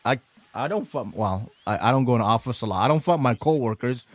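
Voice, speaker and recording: A man's voice: mid-range voice, animated, quick pace, no room sound. Chatty man streaming a baseball game. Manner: chatty, reacts to chat messages, swears. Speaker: livestreamer playing a baseball video game. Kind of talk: casual livestream chat.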